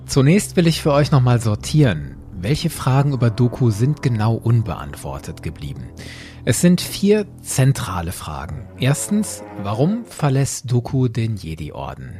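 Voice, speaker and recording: A man narrates a solo explanatory podcast, speaking straight to listeners with emphasis and a conversational yet orderly flow. His medium-pitched voice has a dark tone and wildly swooping pitch at a measured pace, with faint music in the background.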